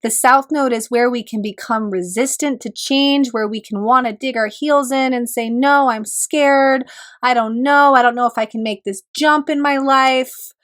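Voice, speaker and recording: In a reflective solo talk, a woman astrologer whose voice is still healing from a cold pauses now and then and clears her throat. Her voice is high and steady, with a fairly bright tone.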